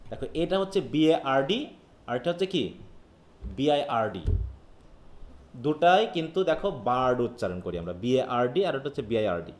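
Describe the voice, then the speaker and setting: A man's voice: medium pitch, lively intonation, normal speed, pauses often. Male teacher, live online lesson, patient and explanatory, roomy echo on the voice. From Bangladesh. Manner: explains patiently, often checks if students follow. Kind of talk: live online phonetics class. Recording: echoey room.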